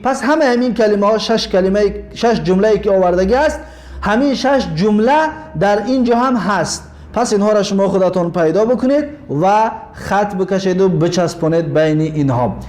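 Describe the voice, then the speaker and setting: Man, Tajik Persian accent, high-pitched, patient teacher, slow spelled-out words. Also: a little mellow. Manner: explains slowly, repeats points, spells words out slowly. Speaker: Arabic language teacher. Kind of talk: lesson.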